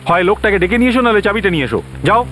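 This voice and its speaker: A man's voice: high-pitched, big pitch swings, very fast, a bit bright, faint music behind, low-quality recording. An actor playing a stern, impatient man who scolds and gives orders in a dubbed TV crime drama. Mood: irritated.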